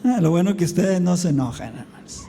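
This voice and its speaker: A man's voice: high-pitched, animated, fairly quick, vocal fry, mellow, slight background noise. A male pastor preaching a conversational sermon at a church service, telling a story and often calling the congregation brothers. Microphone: recorded preaching mic.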